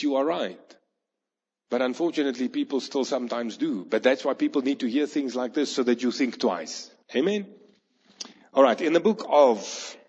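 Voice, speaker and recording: A male preacher delivers a storytelling sermon, slipping into the voices of the people in his parable. His voice is husky and breathy at a medium pitch. It rings with a long reverb in a large hall, and the recording sounds dull and lo-fi. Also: darkish tone.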